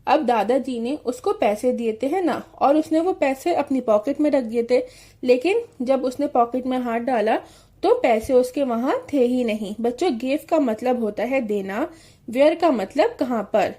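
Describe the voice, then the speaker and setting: A woman teaching an English story to children, reading lines slowly and then explaining them with questions. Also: high-pitched, warm tone.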